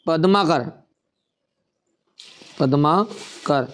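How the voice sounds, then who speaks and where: A young adult male teacher, walking through an exam paper and repeating key answers slowly as if dictating. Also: a little high.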